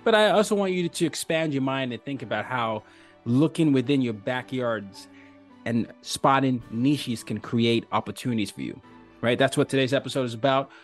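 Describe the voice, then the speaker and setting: A man from Nigeria hosting an interview podcast, talking in an animated, conversational way. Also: medium pitch. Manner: animated, conversational, with frequent fillers. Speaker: podcast host.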